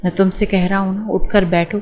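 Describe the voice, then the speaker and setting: A woman's voice: mid-range voice, little pitch movement, darkish tone, lightly acted. A woman voicing an angry, domineering young husband in an audiobook, harsh and commanding. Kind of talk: audiobook character reading.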